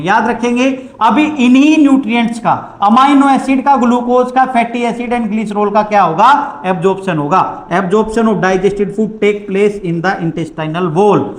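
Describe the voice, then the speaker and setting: An Indian man teaches a science lesson in a fairly high voice. He keeps asking his class questions and answering them himself, and slows down for English lines. The room around him is echoey. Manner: asks questions and answers them himself, calls students "beta"; reads English lines slowly. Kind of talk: classroom lecture.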